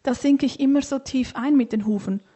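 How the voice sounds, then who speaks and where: Storybook camel, sulky grumbler, lilt, slow, breathy and mellow, put on by a woman narrator. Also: high-pitched, pitched above the performer's own voice. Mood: grumbling. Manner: grumbling, whiny, drawn-out complaints. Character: grumpy complaining tired camel.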